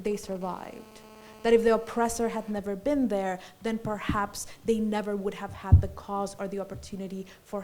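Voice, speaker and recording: A woman's voice: mid-range voice, a little mellow. A woman in her forties, from Colombia, speaking reflectively and lyrically as a panelist at a festival discussion, with many fillers and restarts.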